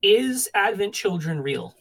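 A woman's voice: mid-range voice, very animated, a little slow, gravelly. A woman co-hosting a streamed podcast, chatting casually and playfully, with swearing rants. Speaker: podcast co-host. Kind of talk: casual chat.

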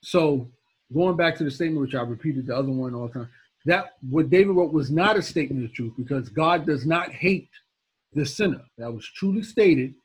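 Very husky man teaching the Bible. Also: a little high, normal speed, rough recording. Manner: repetitive, emphatic, talks directly to listeners.

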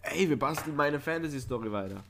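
A man's voice: fairly high pitch, animated, fairly quick, vocal fry, fairly bright tone, a little hiss or hum. A young man co-hosting a casual podcast, talking in a playful, rambling way full of jokey asides. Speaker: podcast co-host. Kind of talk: casual chat.

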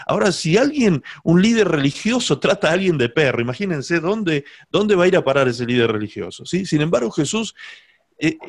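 Animated male preacher, rather high voice. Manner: asks the congregation "¿sí?" to check they follow, animated. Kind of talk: sermon.

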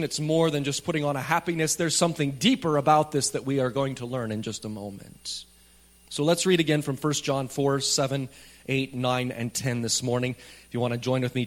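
A man preaching a sermon at a pulpit microphone in a church, speaking in a plain, conversational way with light jokes for the congregation. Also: a little high. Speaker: pastor. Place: church sanctuary.

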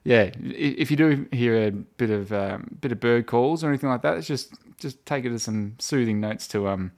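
Australian male sports co-host, casual and hesitant, mid-pitched, recorded in a country shed. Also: normal speed, darkish tone. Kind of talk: casual football discussion. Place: in a wooden shed in the countryside, poorly soundproofed.

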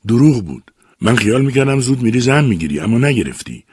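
A man's voice: mid-range voice, sing-song, darkish tone, a little hiss or hum, voice pushed up, close to an everyday voice. A man voicing a remorseful estranged wife who pleads to come back, in an audiobook story. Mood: pleading. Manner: pleading, self-reproaching.

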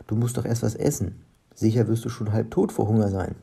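A man voicing a fretful, sharp-tongued robber's wife, raising his voice higher and more urgently. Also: steady tone, a little fast, gravelly, husky. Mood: scolding. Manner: raised, higher-pitched and urgent.

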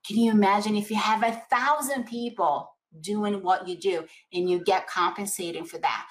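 A woman's voice: medium pitch, fairly even intonation, normal speed. A woman with a Latin American accent giving a motivational coaching talk, speaking emphatically with repeated phrases and rhetorical questions. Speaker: network marketing coach.

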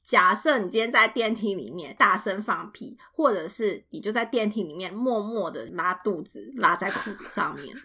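A woman's voice: mid-range voice, animated, moderate pace, few pauses, bright, forceful tone, slightly rough. A young woman, co-hosting a casual podcast chat, playfully posing dilemmas with vivid examples. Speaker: podcast co-host.

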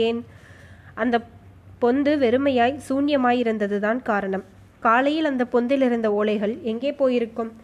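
A woman narrates a historical novel with dramatic, emotive delivery. Her voice sits a little high. The reading is steady and expressive. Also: lo-fi sound. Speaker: audiobook narrator.

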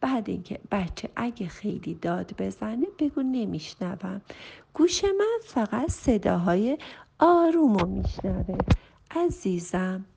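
A woman's voice: medium pitch, big pitch swings, gravelly, a little mellow, a little hiss or hum. A woman family counselor reading a listener's question and answering it with earnest, emphatic parenting advice. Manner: earnest, advising, slows and rises for emphasis. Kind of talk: recorded voice message answering a listener.

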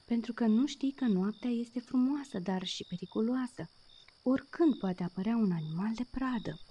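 A woman voicing a wise, worried little male cricket who explains things slowly and cautiously. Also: on the high side, dark tone, breathy edge, lo-fi sound, pitched above the performer's own voice.

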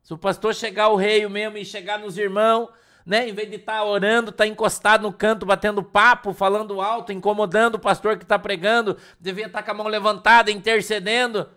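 A pastor from Brazil preaching an informal sermon, blunt and scolding, full of slang. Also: male voice, high-pitched, level tone, fairly quick, sharp tone. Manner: blunt, scolding, slangy, mimics whiny congregants.

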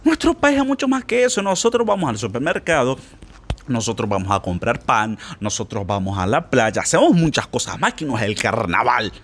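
A man from Brazil whose first language is Portuguese, giving a casual online Spanish lesson and acting out little scenes as he goes. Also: fairly quick. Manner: lively, playful, acts out little scenes with shifting pitch. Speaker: Spanish teacher.

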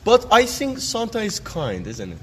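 A man's voice: sits high, wildly swooping pitch, moderate pace, background noise. A young man hosting a casual podcast interview, hesitant and full of filler sounds and restarts. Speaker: podcast host interviewing teens.

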